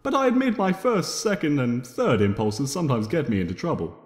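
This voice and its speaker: In a room with a long, ringing echo, a man with a fairly high voice reads a story aloud in the first person. His pitch leaps around a lot and he goes a little quickly, narrating his fan fiction like a playful, theatrical trickster.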